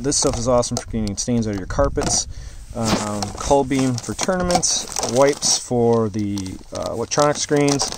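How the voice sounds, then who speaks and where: A man giving a relaxed, rambling walkthrough tour of his boat outdoors, talking with many fillers into a handheld camera. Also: mid-range voice, background noise. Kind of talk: casual walkthrough vlog.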